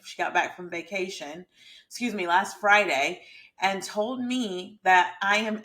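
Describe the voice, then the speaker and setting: A woman's voice: mid-range voice, fairly bright tone. A woman in her thirties with a Georgia Southern accent, talking casually and directly to viewers as a mindset mentor explaining ideas in a vlog. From Georgia, USA. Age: 30s. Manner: informal, conversational, addresses viewers directly. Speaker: mindset mentor and YouTube host.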